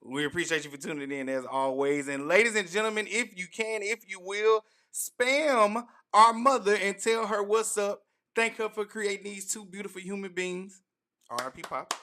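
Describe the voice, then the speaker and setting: A man's voice: sits high, moderate pace. A man co-hosting a casual sports podcast, leading the rundown with playful, joking banter. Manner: loud, playful banter, leads the show. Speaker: podcast co-host.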